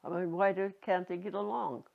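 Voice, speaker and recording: A very old woman in her nineties reminiscing casually, halting and rambling, with a creaky aged voice. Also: on the low side, steady tone. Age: 90s. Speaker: interviewee. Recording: dull lo-fi home recording.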